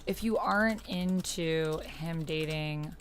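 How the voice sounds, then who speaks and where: Slow and low-pitched, this woman plays host to a text-based roleplaying game, a faint hiss or hum behind her. She keeps things informal and expressive, using slang as she chats along with the typed roleplay.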